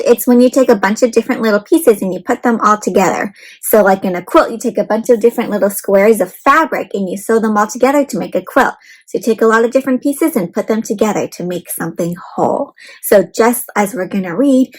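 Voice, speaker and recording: A woman leads an interactive read-aloud for children, sounding expressive and encouraging like a teacher as she explains things simply and asks her listeners questions. Her voice is a little high, and the audio quality is poor.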